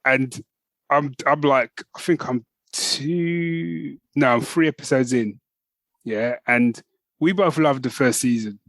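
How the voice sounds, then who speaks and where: A medium-pitched, slightly bright male voice takes things slowly in a casual podcast chat, with no room sound. The co-host is enthusiastic but rambles and restarts frequently.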